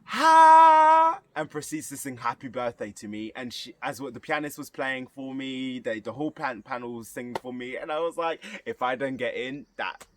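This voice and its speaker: A young man in his early twenties telling an animated story and acting out the voices of the people in it. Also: medium pitch, a little fast, hardly any pauses. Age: young adult. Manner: animated, acts out the voices of others. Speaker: vlogger. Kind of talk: storytelling vlog.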